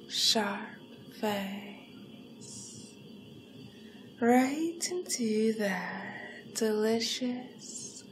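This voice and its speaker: A female roleplay performer, in character for ASMR hypnosis, becomes a hungry vampire villainess: seductive, poised and hypnotic. Speaking very slowly, breathily and with deliberation, she often falls into whispers; her pitch is medium and the recording is rough.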